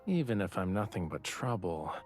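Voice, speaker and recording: Low, teasing young lover Rafayel. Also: male voice, big pitch swings, normal speed. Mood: playful teasing. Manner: teasing, intimate, breathy murmurs. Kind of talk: romance game voice acting. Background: music.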